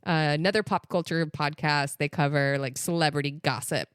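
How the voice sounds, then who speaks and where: An American woman co-hosting a podcast, talking in a chatty, animated way full of "like" and "literally". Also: low voice, brisk, clear, resonant tone, dry recording, studio quality. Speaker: podcast co-host. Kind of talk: casual chat.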